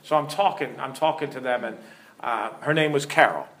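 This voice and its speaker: A man's voice: medium pitch, moderate pace, fairly bright tone. A middle-aged man preaching as a pastor, teaching with stories and putting questions to his listeners in an earnest way. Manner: earnest, storytelling, asks the audience questions. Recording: echoey room.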